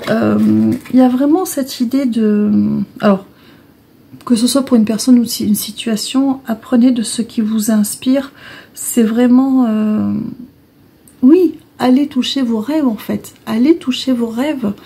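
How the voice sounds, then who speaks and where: Mellow-voiced woman reading oracle cards. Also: a little high, measured pace, gravelly, husky. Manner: repetitive, explanatory, full of hesitations. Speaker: tarot and oracle card reader. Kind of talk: casual spoken card reading.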